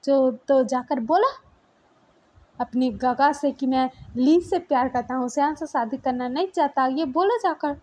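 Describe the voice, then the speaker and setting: A woman's voice: high-pitched, measured pace, darkish tone. A woman voicing a hurt, jealous young princess who answers with sarcastic, taunting questions.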